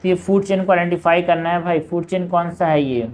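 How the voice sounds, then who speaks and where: A man working through exam quiz questions. He reads each question slowly, then explains it quickly in a casual tone, often saying "bhai" and "yaar". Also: sits high, fairly even intonation, a little mellow, slight background noise. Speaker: exam prep teacher. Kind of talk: solving quiz questions aloud.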